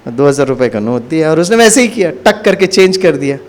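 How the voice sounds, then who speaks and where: Animated male spiritual storyteller. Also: fairly high pitch, brisk. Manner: animated, acts out dialogue. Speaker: spiritual speaker. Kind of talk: storytelling talk to an audience.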